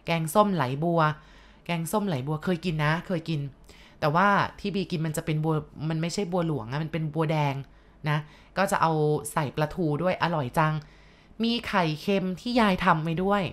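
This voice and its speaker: A woman narrating a ghost story in a loose, conversational way, slipping in asides to her listeners. Her voice sits on the low side for a woman.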